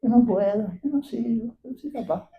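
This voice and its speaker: A hesitant churchgoer full of excuses, speaking meekly and doubting himself, as a preacher puts him on. The voice is soft and unsure. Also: male voice, very high-pitched, normal speed, dull audio. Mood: timid.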